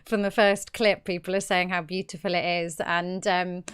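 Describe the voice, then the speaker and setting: A woman's voice: lowish voice, level tone, normal speed, clean tone. A woman hosting a live-streamed podcast, putting viewer questions to her guest with frequent ums. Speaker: podcast host.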